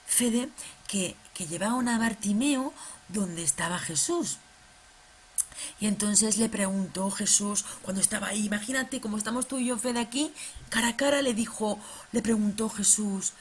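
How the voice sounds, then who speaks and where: A woman presenting children's ministry, telling a Bible story to a puppet in a lively, halting way. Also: a little high, a little hiss or hum. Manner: animated storytelling, many restarts.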